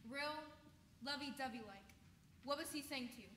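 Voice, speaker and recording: A woman acting out a sharp-tongued housekeeper in a stage mystery, folksy and scolding, with a high, bright voice. The sound echoes around a hall over a faint hiss. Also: moderate pace. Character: blunt protective older housekeeper.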